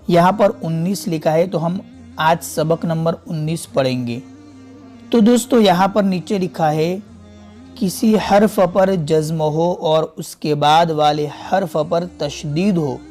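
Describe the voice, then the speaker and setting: Guy teaching quran reading real slow, repeats every example word, faint music underneath. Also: a little high, a little mellow. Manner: slow, patient, repeats and stretches out example words. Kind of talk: step-by-step Quran reading lesson.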